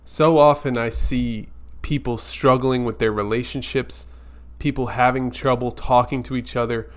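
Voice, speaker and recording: A man's voice: mid-range voice, a bit bright. Earnest man hosting a live stream. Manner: earnest, reassuring, speaks directly to viewers. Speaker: health coach hosting a weekly live stream. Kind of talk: casual live-stream talk.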